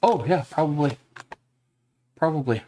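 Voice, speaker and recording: A man describing his character's actions during an online tabletop role-playing game, in slow, drawn-out narration. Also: on the high side, lively intonation, dark tone, slight background noise. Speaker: player.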